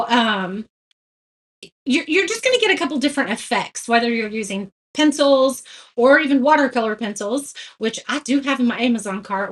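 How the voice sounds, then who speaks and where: Chatty high-voiced woman. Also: a bit bright. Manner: chatty, greets viewers by name, self-deprecating. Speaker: craft tutorial host. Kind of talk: casual live-stream painting tutorial.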